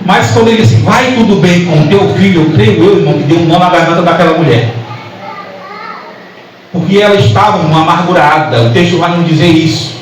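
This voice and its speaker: Fervent Brazilian preacher in an echoey hall. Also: male voice, a little high, brisk. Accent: Brazilian Portuguese. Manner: retells scripture with voiced dialogue, builds into rising fervent exhortation. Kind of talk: Pentecostal sermon. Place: church hall. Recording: very echoey church hall, mic at a distance, faint background hiss.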